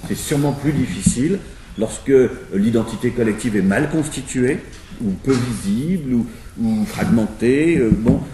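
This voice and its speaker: A male sociologist who lays out his argument aloud, pausing and restarting as he thinks it through. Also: medium pitch, expressive, reverberant, recorded from a distance, background noise. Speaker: sociologist in a discussion. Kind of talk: spoken lecture-style argument.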